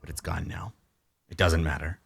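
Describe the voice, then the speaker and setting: A man voicing a sullen, proud hobgoblin prisoner in a tabletop game, speaking slowly and tersely. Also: low voice, steady tone, gravelly, a bit bright, breathy edge, no room sound, voice pushed down, heavily acted. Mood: bitter, resigned. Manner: slow, grim, terse.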